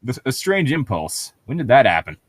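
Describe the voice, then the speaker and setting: With a very animated mid-range voice at normal speed, a man co-hosts a novel reading and peppers it with irreverent, sarcastic, sweary asides. The recording has no room sound.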